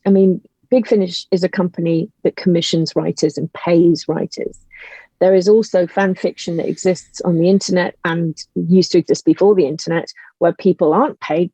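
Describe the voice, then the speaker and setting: This podcast guest, who works as an audio drama writer and actor, offers strong opinions in a chatty way. Her voice sits on the low side, mellow and slightly rough, heard through dull, roomy, lo-fi call audio.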